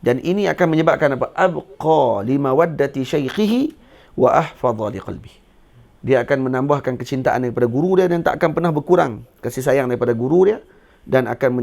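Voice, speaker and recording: A male religious teacher with a Malaysian Malay accent and a gravelly voice. He reads Arabic text slowly and carefully, then explains it to his students in loose everyday speech, joking as he goes. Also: medium pitch, darkish tone. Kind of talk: kitab study lecture.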